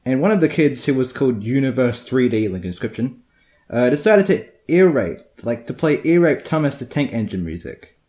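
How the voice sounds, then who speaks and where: Teen boy, mid-pitched, profane and rambling, casual storytelling. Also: big pitch swings, a little fast, dark tone. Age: teenager. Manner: crude, profane, rambling with many restarts.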